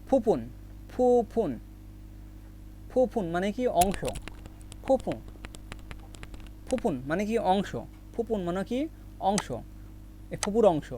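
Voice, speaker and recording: Male language teacher, high voice, drills words by repeated question and answer, faint hum behind. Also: darkish tone. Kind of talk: recorded vocabulary lesson with memory tricks.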